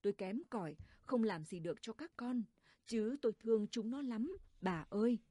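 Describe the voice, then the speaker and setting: A woman voicing a grieving old widowed father who quietly laments to his late wife in a storybook reading. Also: a little high, expressive, moderate pace, dry recording.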